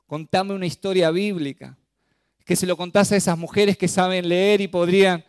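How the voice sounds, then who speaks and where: Tearful little girl whining, high pleading voice, smooth clear tone, as a man puts her on. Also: fairly even intonation, moderate pace, dry recording, studio quality. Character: small girl, whiny and tearful.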